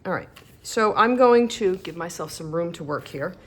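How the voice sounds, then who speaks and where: A woman's voice: fairly low pitch, lively intonation, moderate pace, slightly rough. A woman demonstrating stamping techniques in a casual craft tutorial, chatting and joking about herself as she works. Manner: chatty, self-deprecating, talks while working.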